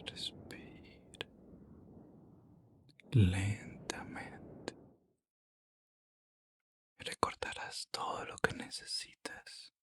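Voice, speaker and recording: In an ASMR roleplay, a man with a lowish voice plays a gentle vampire soothing an adventurer to sleep. He murmurs and whispers soft, breathy reassurance, leaving long pauses to lull the listener off.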